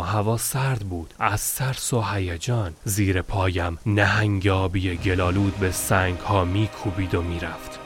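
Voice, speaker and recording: A man narrating a first-person story in a measured, tense way, close to a studio mic. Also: sits low.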